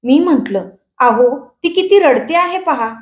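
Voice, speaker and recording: A devoted young man firmly defends his new wife, voiced by a woman reader. The storybook voice stays high and clear. A roomy echo hangs on each line. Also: lively intonation, a little slow, a little mellow.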